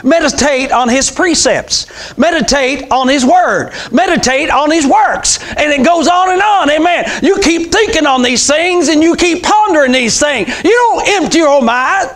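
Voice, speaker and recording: An animated, unhurried pastor in his sixties delivers a fervent, informal sermon in a strikingly high, slightly bright voice. He repeats key phrases, shouts amens and questions his congregation rhetorically. The setting is a small indoor sanctuary, captured on a clip-on lapel mic.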